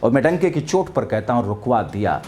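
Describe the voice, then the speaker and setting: Sarcastic man delivering animated political commentary. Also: medium pitch, brisk, slight background noise. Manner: combative, sarcastic, rhetorical questions to viewers.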